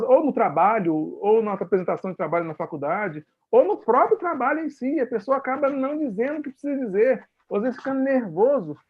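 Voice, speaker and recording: In a muffled recording, a man with a very high, breathy-edged voice and a Brazilian Portuguese accent lectures medical students online as a guest speaker on leadership. He keeps things conversational, acting out examples and questioning his listeners.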